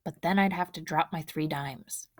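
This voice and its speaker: Woman gently reading a picture book. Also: sits low, moderate pace, dry recording, studio quality. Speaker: storybook reader.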